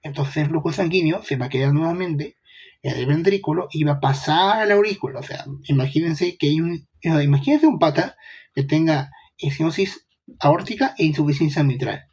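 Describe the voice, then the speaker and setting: A man's voice: on the high side, expressive, fairly quick, a little mellow, husky. A young man giving a casual medical lecture, chatty, with rhetorical questions and slangy asides.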